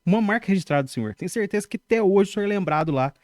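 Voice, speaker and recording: A man's voice: sits high, expressive, racing, darkish tone, studio quality. A young man hosting a casual interview, echoing his guest's words and framing things in religious terms. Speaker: podcast host.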